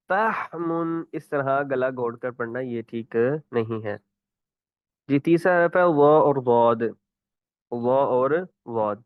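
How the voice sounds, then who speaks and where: A man with a Pakistani Urdu accent teaches Quran recitation online, explaining patiently, asking and repeating questions, and reciting example words slowly. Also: mid-range voice, clear, resonant tone, dry recording. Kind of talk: online tajweed lesson. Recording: tinny phone-like line.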